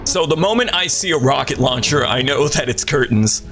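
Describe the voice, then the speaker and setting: While streaming a horror game, a man chats in an expressive, medium-pitched voice at normal speed, his nose slightly stuffed from a cold. His commentary is casual, rambling, and self-deprecating. The desk mic runs through a failing audio interface that adds static, and game music plays in the background.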